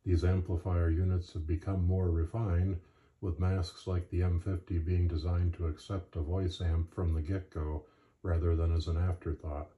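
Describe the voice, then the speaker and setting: Male instructional narrator, deep and monotone, plainspoken and unhurried in manner. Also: muffled recording. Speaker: presenter of a gear demonstration.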